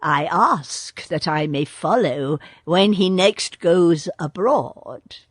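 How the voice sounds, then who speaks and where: A woman voicing Kaa, a great male python who speaks slowly and slyly. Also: lowish voice, animated, breathy edge, dry recording, studio quality, heavily acted. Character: great old male python, slow and sly.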